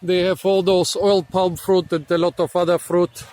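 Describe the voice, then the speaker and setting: A man talking casually while walking through a garden outdoors, out of breath and thinking aloud with pauses. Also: high voice, flat delivery, darkish tone. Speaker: vlogger. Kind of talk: casual walking vlog narration. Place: outdoors in a tropical botanic garden.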